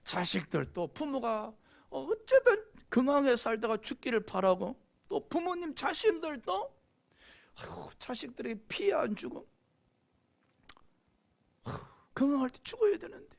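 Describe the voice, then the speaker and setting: This pastor's sermon is impassioned, dotted with frequent questioning "eh?" prompts to the congregation. He speaks at a normal pace in a high, very animated, gravelly voice.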